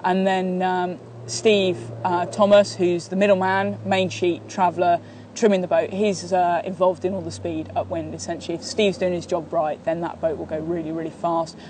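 A woman's voice: lowish voice, flat delivery, normal speed, a little mellow, a little hiss or hum. A woman in her thirties, a sailing coach, answering interview questions outdoors in a sunny park, talking steadily with many fillers and restarts. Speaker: sailing coach and training partner.

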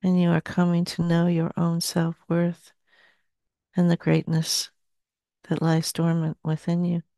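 An older woman in her sixties speaks as a seance medium in trance. Her delivery is solemn and very even in pitch, with long pauses between short phrases. The sound is dry and close on a headset. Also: vocal fry, no room sound. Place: small dim indoor room.

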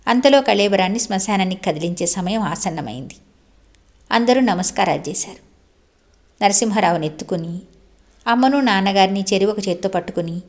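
A woman narrating an audiobook in a measured, devotional storytelling manner. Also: medium pitch.

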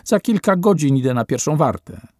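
A man voicing a quiet, stubborn young shelter guard who answers tersely in an audiobook. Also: on the high side, big pitch swings, moderate pace, no room sound, studio quality, voice pushed up.

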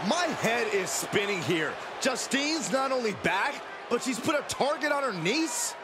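Excitable male ringside commentator for a wrestling game, very high lively voice over arena noise. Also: unhurried, full character voice. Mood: astonished. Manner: excitable, incredulous. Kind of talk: sports commentary. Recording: loud arena ambience behind commentary.

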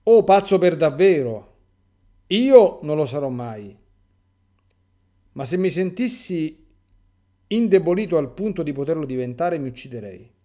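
A man's voice: fairly high pitch, sing-song, measured pace, long pauses, mellow. A man reading aloud as a proud, defiant male apostle, speaking vehemently and self-righteously.

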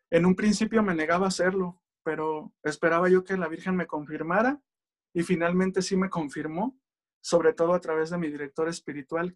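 A man tells his religious testimony in an earnest, heartfelt way. His voice sits high for a man. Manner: earnest, addresses listeners as brothers. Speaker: speaker giving testimony.

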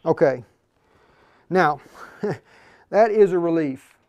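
A man's voice: fairly high pitch, animated, slow pace, a little mellow, lo-fi sound. A man hosting a live radio demo on a lapel mic, talking casually and using ham radio call-sign talk. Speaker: host and instructor.

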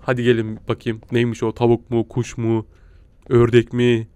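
A man giving joking, excitable let's-play commentary, bursting into laughs and silly noises. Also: medium pitch, normal speed, smooth, no room sound. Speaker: gaming YouTuber.

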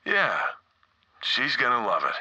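Bright, earnest, decent game hero. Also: male voice, mid-range voice, wildly swooping pitch, measured pace, husky, no room sound, muffled recording, heavily acted. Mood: wry, hesitant. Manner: earnest, conversational, hesitant. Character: sane, weary, kind-hearted inner voice of a madman. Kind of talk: video game character acting.

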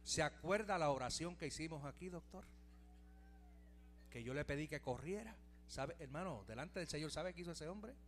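A man's voice: fairly high pitch, lively intonation, normal speed, soft background music. A middle-aged Puerto Rican man preaching a fervent testimony in church, peppering his words with hallelujahs. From Puerto Rico. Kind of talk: evangelical sermon testimony.

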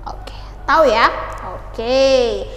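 A young woman teaching English pronunciation to beginners, patiently asking and answering her own questions and modeling words slowly. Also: sits high, fairly bright tone. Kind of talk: beginner language lesson. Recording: echoey room with long reverb, faint ambience.

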